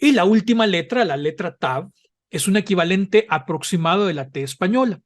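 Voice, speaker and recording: A man teaching a Hebrew language class, explaining patiently and often pausing with "eh" or checking in with "¿verdad?". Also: high voice, expressive. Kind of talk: online class lecture.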